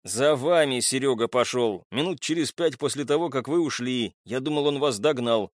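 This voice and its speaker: A man reading an audiobook and voicing a rough, sadistic male accomplice who talks in a slow, flat drawl. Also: medium pitch, no echo, studio quality, close to an everyday voice. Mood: gruff.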